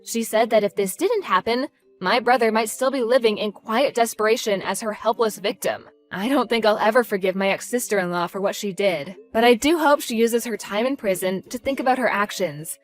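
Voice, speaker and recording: A woman's voice: on the high side, fairly quick, soft background music. A woman narrating a scripted story in a firm, cold, accusing manner.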